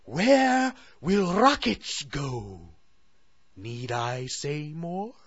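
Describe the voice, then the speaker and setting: A man's voice: a little high, very animated, pitched above the performer's own voice, heavily acted. A man voicing the huffing Moon Queen. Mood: dramatic. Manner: huffy, slow and dramatic. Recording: dull, dry lo-fi recording.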